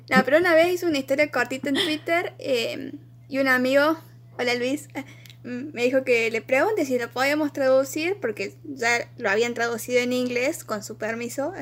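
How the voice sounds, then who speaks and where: A woman's voice: high voice, normal speed. An Argentine woman co-hosting a podcast in casual chat, giggly and rambling, teasing her co-host. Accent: Argentine Spanish.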